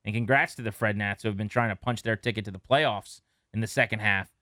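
A man with a fairly low voice co-hosts a casual sports podcast. He is chatty and relaxed as he runs through stats, and the sound is dry and close. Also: fast, no echo. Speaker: podcast co-host.

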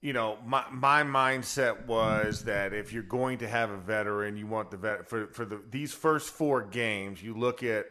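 A man's voice: lowish voice, measured pace, few pauses, pushed and bright. A man who is a former offensive lineman, co-hosting a sports radio show in a rambling, chuckling way. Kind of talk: casual sports talk.

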